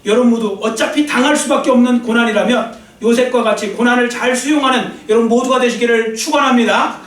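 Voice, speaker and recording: A man preaches with a strikingly high voice, pressing his points hard and turning to the congregation with quick jokes. He is picked up from some distance away, so his voice carries the echo of a church sanctuary. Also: fairly even intonation, fairly bright tone. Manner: emphatic preaching, addresses congregation directly, jokes with them. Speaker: pastor. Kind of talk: sermon.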